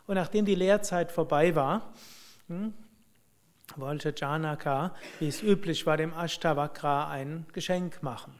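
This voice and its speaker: Reflective man telling a spiritual tale. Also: on the high side. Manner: reflective, unhurried, musing with hums. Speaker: spiritual storyteller. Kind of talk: spoken storytelling and teaching.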